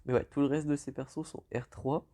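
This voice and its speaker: A French-accented man talks through a game in an easygoing, hesitant way. His voice is dark and mellow with a gravelly edge. He stops to correct himself often. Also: on the high side, a little fast. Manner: relaxed, lots of hesitations and self-corrections. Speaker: gaming YouTuber. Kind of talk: casual game commentary over screen.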